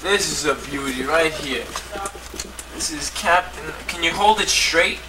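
A man's voice: fairly high pitch, a little slow, crowd noise. A man showing off his comic collection in a put-on TV-presenter voice, recorded on an old VHS home video. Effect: old VHS home video tape. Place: home, indoors. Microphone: camcorder mic across the room. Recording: hissy old VHS tape, mic far off.

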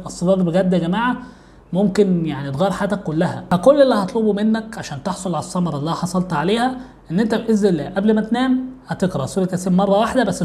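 A man's voice: high-pitched, darkish tone. A man with an Egyptian Arabic accent speaking earnestly to his viewers in a monologue, often repeating his key points. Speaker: host of a religious advice channel. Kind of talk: direct-to-camera monologue.

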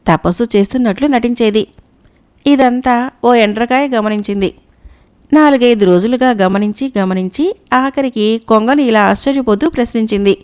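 A woman narrating a moral folk tale in a calm, measured storytelling manner. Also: fairly high pitch, smooth.

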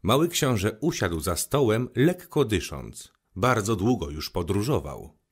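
A man narrating a storybook with expressive, gentle storytelling. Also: lowish voice, normal speed, husky. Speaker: audiobook narrator.

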